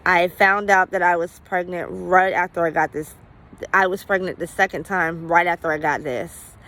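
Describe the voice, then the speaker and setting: A woman's voice: fairly low pitch, steady tone, moderate pace, a bit bright. A woman telling her own story in a candid, conversational vlog, full of fillers and at times close to tears. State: emotional, near tears at times. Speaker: vlogger.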